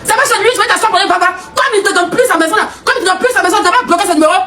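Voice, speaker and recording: A woman's voice: extremely high pitch, racing, bright, forceful tone, roomy sound, distant mic, slight background noise. A woman with an Ivorian French accent, ranting accusingly in a heated live stream, repeating herself and laughing scornfully. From Côte d'Ivoire. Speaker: social media personality.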